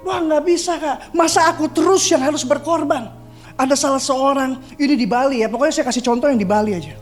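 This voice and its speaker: Need: woman preacher with a high voice, chatty sermon delivery, faint music behind. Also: a little fast. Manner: conversational preaching, reading scripture and acting out quotes. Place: church service.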